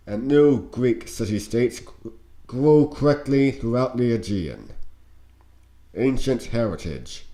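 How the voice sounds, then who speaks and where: A man with a congested, stuffy-nosed voice, sick with a cold, reading scripted educational narration aloud in a measured, deliberate way. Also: medium pitch, dark tone. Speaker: narrator reading on-screen educational game text.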